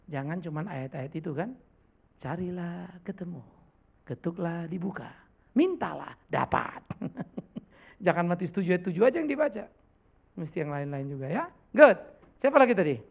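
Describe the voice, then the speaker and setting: Male pastor, middle-aged, animated pitch swings, joking sermon, tinny phone-like sound. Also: creaky, slightly rough. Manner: animated, joking, rhetorical questions. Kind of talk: conversational sermon with Q&A. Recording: tinny lo-fi recording.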